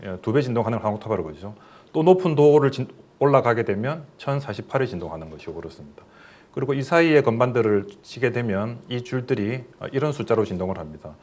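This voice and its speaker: A man's voice: mid-range voice, animated, fast, darkish tone. A middle-aged man, a professor, giving a recorded lecture in a plain explanatory way, with fillers and questions to the listeners.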